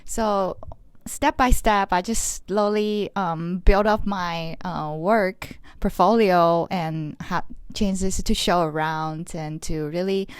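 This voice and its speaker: A middle-aged woman from Los Angeles answers interview questions in a soft, lowish voice. She pauses often and hesitates as she finds her words. The sound is dry and close to the mic. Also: fairly even intonation, clean tone, no echo. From Los Angeles, USA. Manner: hesitant, many ums, soft-spoken. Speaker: guest artist. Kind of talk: casual interview.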